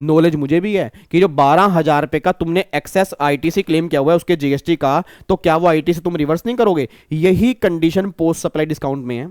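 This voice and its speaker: A man teaching a tax class who explains through lively stories, acting out the people in them. His voice sits high for a man, and the recording is dry and close. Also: a little fast, hardly any pauses, smooth, no echo. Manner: lively, storytelling, acts out dialogue. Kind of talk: lecture with acted stories.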